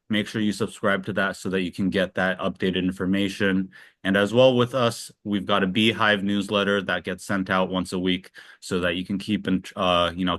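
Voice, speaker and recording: Man, interview host, very low voice, dry close sound, loose filler-heavy talk. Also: a bit bright, no echo. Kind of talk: casual online interview.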